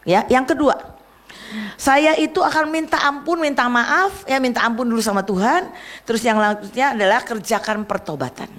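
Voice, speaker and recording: A woman evangelist preaching a sermon, emphatic and lively, often asking her congregation to agree, dropping to a soft voice for prayers. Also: a little high, moderate pace. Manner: acts out prayers and quoted speech in a softer voice.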